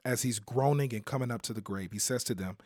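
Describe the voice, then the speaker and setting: A man preaching a sermon, emphatic and repetitive, swinging between hushed lines and loud, driving ones. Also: mid-range voice, fast talker, no room sound, clean studio sound.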